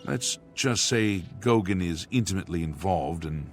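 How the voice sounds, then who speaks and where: A sly, suggestive game guard. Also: male voice, low voice, lively intonation, normal speed, soft background music. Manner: insinuating, suggestive.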